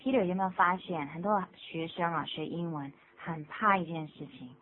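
A woman from the United States, a native English speaker, co-hosting a radio English lesson and calmly modeling phrases. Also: on the low side, normal speed. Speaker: co-host, English teacher. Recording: tinny lo-fi radio broadcast with faint hum.

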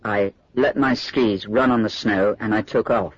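A steady-voiced ski jumper. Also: male voice, lowish voice, measured pace, breathy edge, dry recording. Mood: plain. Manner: plain, steady recollection. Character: adult man recalling a ski jump. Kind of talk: scripted listening exercise monologue. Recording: dry muffled studio recording.

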